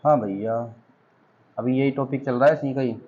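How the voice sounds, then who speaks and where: A man's voice: mid-range voice, moderate pace, dark tone, lo-fi sound. A man teaching English grammar to students in a classroom, patient and explaining step by step. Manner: patient, addresses students as beta.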